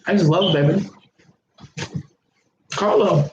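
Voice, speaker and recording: A woman's voice: lowish voice, takes it slowly. A woman hosting a casual eating livestream at home on her phone, talking between bites and humming over her food. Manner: relaxed, savoring food with frequent hums. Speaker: livestream host. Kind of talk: casual mukbang livestream chat. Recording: echoey, dull, noisy phone livestream.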